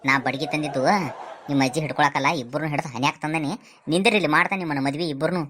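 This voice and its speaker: A woman's voice: low voice, steady tone, rapid-fire, a crowd in the background, noisy background, lightly acted. A woman with a North Karnataka accent playing an exasperated, henpecked husband in a comedy skit, grumbling and threatening. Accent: North Karnataka Kannada.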